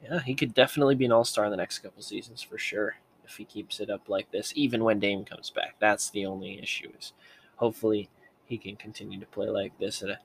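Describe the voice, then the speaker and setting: A young man with a lowish voice talks through his picks in a loose, rambling way. He stops to correct himself and thinks out loud as he goes. Behind him there is a faint hum of room ambience. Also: steady tone, fast talker, gravelly. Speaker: sports video host. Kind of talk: casual commentary.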